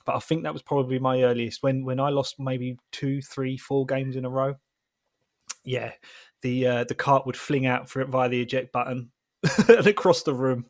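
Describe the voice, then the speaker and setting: A man's voice: medium pitch, steady tone, moderate pace, dry recording, clean studio sound. A man in his thirties chatting casually as a podcast co-host, laughing often. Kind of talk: casual chat.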